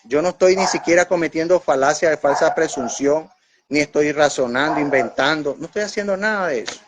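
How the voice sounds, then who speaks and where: A man preaching a Bible teaching sermon, emphatic and repetitive, with his pitch swinging up on questions and sinking low on asides. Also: fairly quick, noisy background. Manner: emphatic, repeats phrases for stress.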